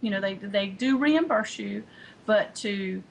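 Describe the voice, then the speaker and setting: A woman gives a remote news interview as an environmental advocate, talking earnestly and circling back with "um" and restarts. Her voice sits mid-range for a woman, and a faint low rumble runs underneath. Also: a little slow, vocal fry, low-quality recording. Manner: earnest, many fillers and restarts. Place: remote studio link.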